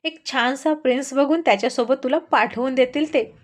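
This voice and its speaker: A woman voicing an affectionate mother and wife who gently teases her husband and daughter. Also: high-pitched, fairly quick, lightly acted. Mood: scolding. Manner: laughing, gently teasing.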